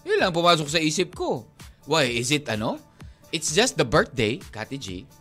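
A man's voice: on the high side, wildly swooping pitch, moderate pace, bright, forceful tone, soft background music. A man with a Filipino accent co-hosting a radio show, chatting casually, teasing and laughing, mixing English into his talk. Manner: playful, teasing, laughs often, mixes English in. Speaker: radio DJ co-host.

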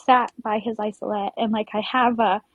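Young woman, podcast guest, husky and a little gravelly, filler-heavy and emotional; muffled, dry sound. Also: medium pitch, steady tone, normal speed, no echo. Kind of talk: personal storytelling interview.

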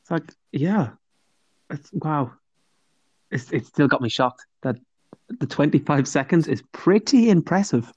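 A man's voice: a little high, animated, a little slow, pauses often, a little mellow, breathy edge. A man chatting casually as a podcast co-host, jokey and given to acting out little quotes. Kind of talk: casual banter. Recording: roomy, slightly muffled sound.

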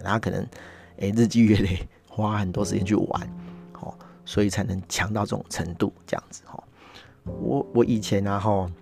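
A man speaking Mandarin with a Taiwanese accent, his voice low and full of gravelly fry. He hosts a podcast and tells his stories as a casual, rambling monologue, tagging his sentences with a filler sound. Faint music plays in the background. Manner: chatty, relaxed storytelling with a constant filler tag. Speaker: podcast host.

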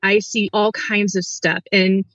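A woman's voice: mid-range voice, flat delivery, unhurried, a bit bright, no room sound. Middle-aged woman, interview guest, earnest and hesitant, dry close sound, a bit muffled. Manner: earnest, hesitant, many restarts and fillers. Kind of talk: personal story in an interview.

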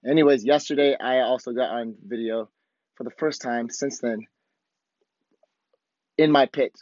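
A hoarse man with a worn-out voice hosting a podcast, talking casually and candidly in a rambling, profanity-heavy motivational monologue. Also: mid-range voice, darkish tone. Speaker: podcast host. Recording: dull, lo-fi, roomy echo.

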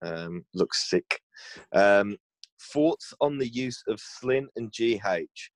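A man with a fairly low voice chats loosely and jokingly, dropping slang as he goes. The sound is dry and close. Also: expressive, takes it slowly, no echo. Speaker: podcast co-host. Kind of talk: casual chat.

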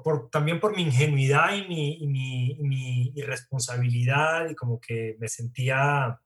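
A man, an actor being interviewed, answering in an earnest, reflective way. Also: mid-range voice. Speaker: actor guest.

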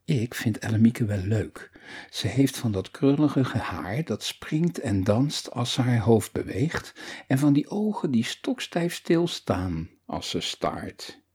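A man reading a children's story aloud in an expressive storyteller's manner. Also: mid-range voice, slow pace, husky.

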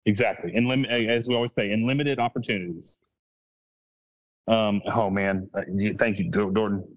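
With a fairly low pitch, steady tone, and normal speed, a man hosts a casual sports podcast, though the recording has its highs cut off. He has a child and rambles as he thinks aloud, full of restarts and self-corrections.

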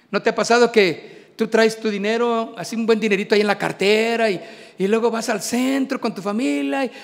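A middle-aged man, preaching an animated sermon as pastor to his congregation. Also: sits high. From Mexico. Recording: long hall reverb.

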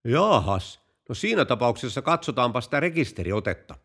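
A man's voice: medium pitch, sing-song, fairly bright tone, husky, exaggerated voice. A man voicing an alarmed male motorcycle policeman in a told joke, stern at first and then calling for help in a panic.

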